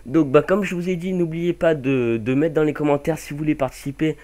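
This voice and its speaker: A man's voice: on the high side, brisk, warm tone. A young man casually commenting over a game mod demo, rambling with many fillers and self-corrections. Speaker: gaming channel host.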